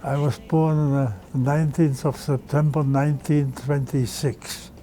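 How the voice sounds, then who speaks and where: Older man, nineties, from Germany, oral history testimony, matter-of-fact, warm darker tone. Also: fairly high pitch, little pitch movement, unhurried, a little hiss or hum, low-quality recording. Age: 90s. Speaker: Holocaust survivor interviewee.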